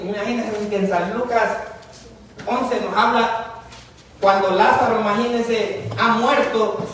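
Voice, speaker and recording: A man's voice: high voice, slight background noise. A man preaching a sermon with fervor, calling out to his congregation. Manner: fervent, calls out to the congregation. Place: church. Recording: echoey hall, mic far off.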